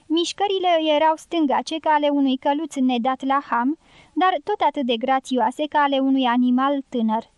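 A woman narrating an audiobook in steady, scripted reading. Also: high-pitched, no room sound, highs cut off.

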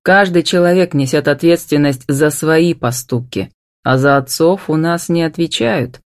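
A woman voicing a gruff, hot-tempered young husband who talks in curt growls, in an audiobook. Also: deep voice, measured pace.

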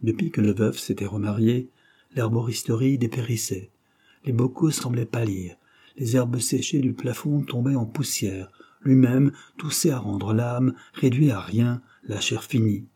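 A man narrating a classic novel as an audiobook reader, in a measured, literary way. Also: medium pitch, warm tone, breathy edge.

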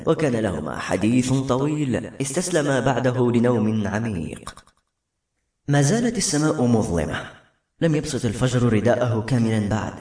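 A man narrates a novel in a steady storytelling voice at a quick clip. His pitch sits mid-range. The recording carries a noticeable room echo. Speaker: audiobook narrator. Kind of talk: novel reading. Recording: echoey room.

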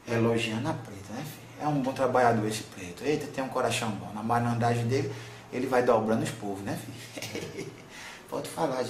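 Here the grandmother spirit, voiced by a male medium, is a little mellow and close to an everyday voice as she counsels tenderly at middle pitch. Wise and soothing, she keeps calling the listener "son," her words bouncing through an echoey space with a light hiss underneath.

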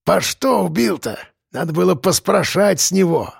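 A man voicing a cautious, soft-spoken older peasant in an audiobook, with plain folksy speech. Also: high voice, animated, normal speed, creaky, slightly rough, dry recording, clean studio sound, voice pushed up, exaggerated voice. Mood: reproachful. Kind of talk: audiobook character voice.

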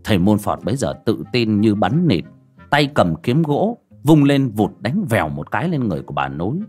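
Expressive male audiobook storyteller. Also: fairly low pitch, moderate pace, breathy edge, soft background music.

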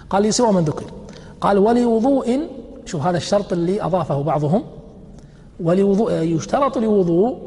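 A man teaching a religious text. He reads each quoted passage slowly, then explains it and checks with his students by asking questions. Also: high-pitched, creaky, dark tone, big-room sound. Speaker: sheikh teaching a fiqh text.

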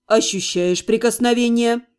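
A woman reading an audiobook voices a formal, stern male healer who speaks softly and calmly. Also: a little high, clean tone, voice pushed down, close to an everyday voice. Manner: soft, measured, formal.

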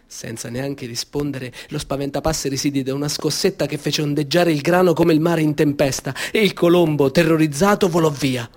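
Narrating a children's tale he wrote himself, a man speaks in a slightly high voice. He keeps a calm, measured pace and gives important phrases an expressive lift.

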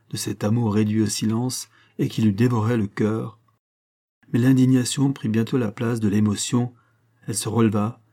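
A man reading a historical audiobook in a measured, dramatic way. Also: fairly low pitch, warm tone. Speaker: audiobook narrator.

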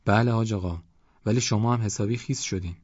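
A deferential young villager, put on by a male reader asks his questions with hesitation, his voice low and husky. The recording is dry and dull. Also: a little mellow, dry recording. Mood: polite.

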